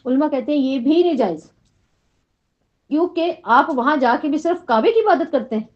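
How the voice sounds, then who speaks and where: Woman teacher, high voice, keeps asking the class questions, kinda muffled lo-fi sound. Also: animated, a little mellow. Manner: questioning, repeats "right?" to the class. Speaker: Quran teacher. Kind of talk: religious lesson to a class. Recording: dull lo-fi recording.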